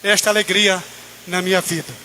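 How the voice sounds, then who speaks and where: Here a Brazilian preacher's high-pitched voice shows little pitch movement, moving at normal speed with slight background noise. Even so, he tells his own testimony in church with impassioned, rising intensity that nearly reaches shouting.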